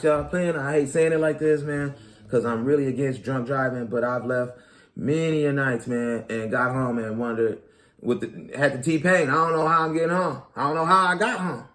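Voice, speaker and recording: A man in his thirties, a comedian hosting his own show, talking casually and animatedly in slang straight to his audience. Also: mid-range voice. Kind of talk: casual commentary monologue.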